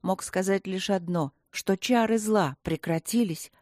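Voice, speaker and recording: A woman narrating a fantasy story in an expressive storytelling manner. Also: medium pitch, measured pace, no echo, studio quality.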